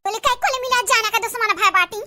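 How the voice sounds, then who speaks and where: Racing along in a bright, forceful, exaggerated voice, a woman sounds threatening as she plays melodramatic, squabbling village women. The homemade comedy cartoon features her eastern Uttar Pradesh accent, pitched up by an effect, as she scolds and exclaims.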